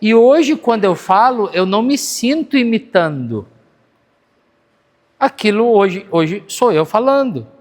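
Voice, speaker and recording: A man's voice: high voice, very animated, unhurried, darkish tone. A man with a Brazilian accent preaching a sermon in a church, earnest and conversational, often checking in with his listeners. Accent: Brazilian Portuguese. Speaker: pastor. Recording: church hall with long reverb.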